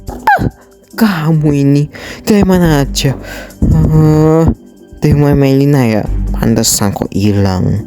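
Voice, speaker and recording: A woman voicing a scheming mother who is coaxing and syrupy and quickly turns defensive. The voice is low and mellow, as in a homemade game drama. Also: faint music behind. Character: scheming mother, sweet-talking her daughter. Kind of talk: amateur game drama voice acting.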